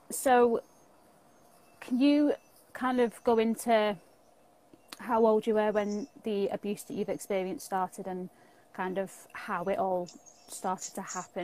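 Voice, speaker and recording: A woman's voice: mid-range voice, darkish tone, poor audio. A British woman hosting a casual interview in a chatty, informal way over a video call. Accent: British English. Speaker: interview host. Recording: clearly audible background noise.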